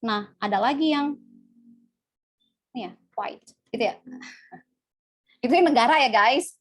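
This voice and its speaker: A young woman teaches English in a casual live online lesson. Her voice sits slightly high. She chats with her viewers as she goes and corrects herself on the fly. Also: unhurried. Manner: chatty, addresses viewers as guys, self-correcting.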